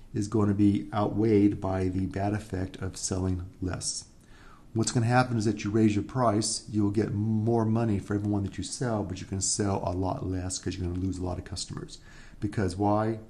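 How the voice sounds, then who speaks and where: Man, economics instructor, low voice, mellow tone, step-by-step explaining. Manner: explains step by step, often asks "right?". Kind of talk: recorded lecture.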